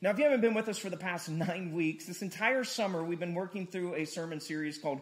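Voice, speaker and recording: A man preaching a sermon to his congregation in a lively, conversational way, joking and asking for responses. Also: high voice, fast talker. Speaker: pastor.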